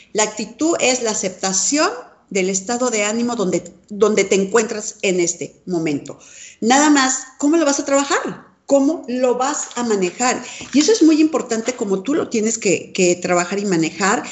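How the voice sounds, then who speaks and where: Woman, earnest higher voice. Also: animated, moderate pace. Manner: earnest, addresses listener with rhetorical questions. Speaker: guest. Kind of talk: reflective coaching talk.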